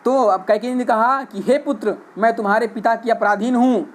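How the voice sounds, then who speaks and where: A man's voice: extremely high pitch, steady tone, moderate pace, a little hiss or hum. A man teaching a Hindi poetry lesson, reciting each verse and then explaining it line by line in plain speech.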